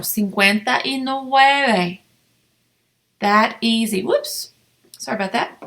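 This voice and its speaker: A woman's voice: fairly high pitch, fairly bright tone. A woman teaching a language lesson, coaxing listeners to repeat after her. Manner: coaxing, asks learners to repeat. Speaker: Spanish teacher. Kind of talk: slow, repetitive language lesson.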